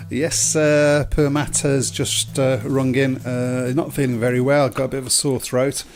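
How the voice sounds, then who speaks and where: Male podcast host, mid pitch, easygoing and halting delivery, faint music underneath. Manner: relaxed, hesitant with many ums. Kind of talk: casual chat.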